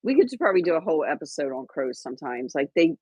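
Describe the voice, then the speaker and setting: A woman's voice: sits low, sing-song, fast talker, darkish tone, husky, no room sound. A woman co-hosting a casual livestream, chatty and rambling with lots of fillers and restarts. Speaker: livestream co-host.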